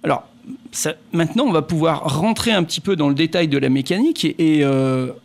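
A man's voice: a little high, brisk, gravelly. A man hosting a community radio talk show, talking hesitantly with many fillers and restarts. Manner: chuckles at his own anecdotes. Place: radio studio.

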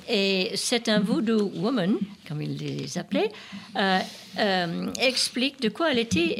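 A woman co-hosting a radio music show, explaining background in a deliberate manner with occasional fillers. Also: mid-range voice. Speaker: radio co-host.

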